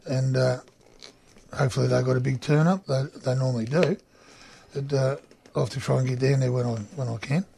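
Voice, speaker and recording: A man's voice: mid-range voice, fairly even intonation, fairly quick, creaky, warm tone, a little hiss or hum. A middle-aged Australian man chatting casually in a wry, matey tradesman's manner. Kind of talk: casual chat.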